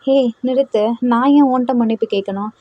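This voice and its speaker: A woman's voice: on the high side, fairly quick, no echo, highs cut off, close to an everyday voice. A woman voicing an arrogant young male club DJ who scolds coldly, in a storytelling reading. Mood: annoyed, cold.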